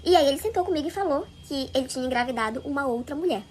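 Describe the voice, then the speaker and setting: A woman's voice: sits high, lively intonation, very fast, a little mellow, slight background noise. A woman telling a first-person story in a chatty, confiding way, talking straight to her viewers.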